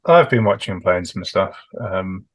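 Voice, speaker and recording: Podcast co-host: British guy with a low, slightly raspy voice, dry understated humour. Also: expressive, normal speed. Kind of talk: casual chat.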